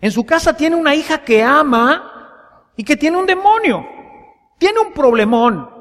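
A man's voice: very high-pitched, expressive, unhurried, fairly bright tone. A male priest preaching a sermon, asking the congregation questions and repeating phrases. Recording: long reverb in a large church.

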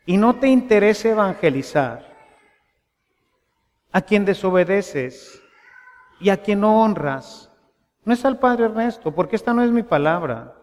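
A man's voice: high-pitched, animated, unhurried, pauses often, darkish tone. Man, Mexican accent, parish priest, conversational sermon, rhetorical questions, reverberant church.

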